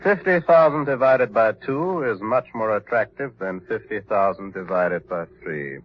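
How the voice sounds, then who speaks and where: A crooked asylum doctor in a 1940s radio play, lowish and lilting, delivering betrayal in cool clinical tones. The broadcast is dull and lo-fi with a faint hiss. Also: male voice, lively intonation, measured pace. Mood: sly. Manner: coolly clinical, sly. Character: crooked, smooth-talking male asylum doctor.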